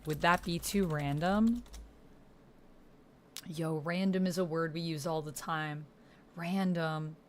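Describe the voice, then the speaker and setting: A woman with a low, steady voice takes her time, leaving long pauses, and there's slight background noise. Hosting a text-based roleplaying game, she chats in an informal, slangy, expressive way while playing along with the typed roleplay.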